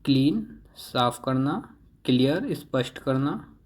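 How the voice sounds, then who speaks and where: A man's voice: mid-range voice, animated, slow pace. A man teaching English vocabulary, reading words with their Hindi meanings and correcting pronunciation one word at a time.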